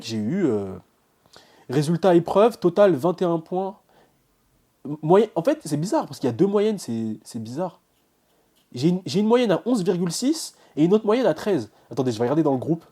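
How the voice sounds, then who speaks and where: A young man vlogging his exam results, nervous and excited, stumbling over his words and restarting his sentences. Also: fairly high pitch. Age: young adult. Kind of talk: casual vlog reaction.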